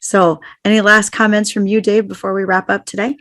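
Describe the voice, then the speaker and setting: A woman's voice: medium pitch, flat delivery, a little fast, a bit bright, no room sound. A woman co-hosting a podcast in casual chat, teasing with dry humor. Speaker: podcast co-host.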